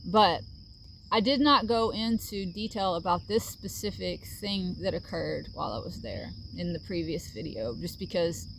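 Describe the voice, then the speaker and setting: A middle-aged woman with a lowish, creaky voice speaks animatedly at a moderate pace, with slight background noise and faint outdoor ambience of crickets. Talking casually to camera as a vlogger, she shares her healing journey earnestly and reflectively, using many fillers and soft laughs.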